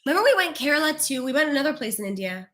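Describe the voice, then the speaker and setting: Woman, live-stream co-host, chatty, quick talker, bright tone. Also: sits high, sing-song. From Canada. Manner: chatty and quick, laughs often. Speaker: travel channel co-host. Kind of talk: casual live-stream chat.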